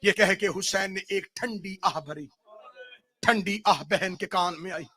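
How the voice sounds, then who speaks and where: A male cleric delivering a mourning sermon in a slow, drawn-out, lamenting recitation that swells into wailing shouts. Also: high voice.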